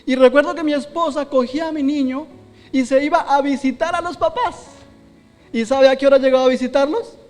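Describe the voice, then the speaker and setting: A male pastor preaches in a church hall and tells his own story. His voice sits very high for a man, and it rings with a long reverb while soft music plays under him. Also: fairly even intonation, a little fast. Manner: personal testimony, quotes himself and his wife aloud. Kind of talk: sermon.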